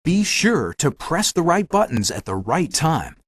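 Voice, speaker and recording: A man's voice: on the high side, big pitch swings, unhurried, husky, exaggerated voice. A man voicing a helpful magic mirror, a theatrical fairy-tale guide giving scripted, instructive video game hints.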